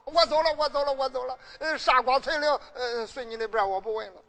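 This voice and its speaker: A woman voicing a rough, hot-tempered former oil seller, sworn brother of an emperor, talking bluntly and stammering when cornered. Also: high voice, a little fast, a bit bright. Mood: flustered, sulky.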